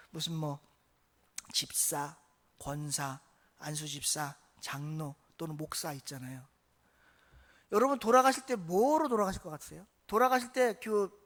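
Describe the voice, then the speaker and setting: Male pastor preaching in church; lively, call-and-response questions, loud-to-hushed swings. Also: high voice. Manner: lively, asks the congregation questions; swings between loud emphasis and soft, hushed remarks. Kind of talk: sermon. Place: church sanctuary.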